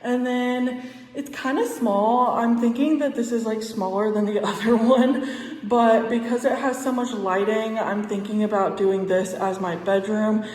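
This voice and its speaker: A woman's voice: on the high side, steady tone, measured pace, darkish tone. A woman giving a casual, bubbly, enthusiastic vlog tour, chatting in an echoey, empty apartment. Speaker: vlogger. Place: indoors, small empty unfurnished apartment.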